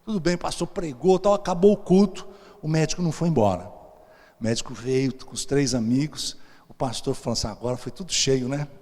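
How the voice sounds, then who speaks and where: A man's voice: fairly high pitch, fairly quick, a little mellow, big-room sound. A male pastor with a Brazilian accent tells a story in a sermon, talking to the congregation in a chatty way and often asking them questions. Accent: Brazilian Portuguese. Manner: conversational, asks the audience questions often. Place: church service.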